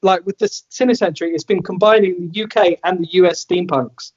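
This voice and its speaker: A man's voice: high voice, steady tone, fairly quick, highs cut off. A man, a band member chatting in an interview, with lots of "like" fillers. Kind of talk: casual video call interview.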